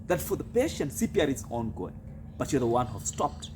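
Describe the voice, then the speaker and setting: A man's voice: medium pitch, big pitch swings, fairly quick. A man teaching practical CPR as a first aid instructor, stressing and repeating key points. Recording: clearly noisy recording with ambience.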